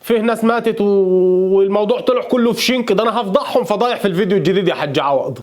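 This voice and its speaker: An Egyptian-accented man performing his own part in a comedy sketch, brisk and mocking. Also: high voice.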